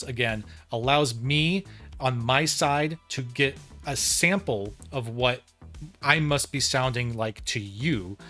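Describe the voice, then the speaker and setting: A man's voice: mid-range voice, fairly bright tone. A man casually reviewing an audio mixer at a desk microphone in a home room, chatting and repeating words for emphasis. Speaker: tech reviewer. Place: home room with fan and PC running. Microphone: desk microphone about eight to ten inches away.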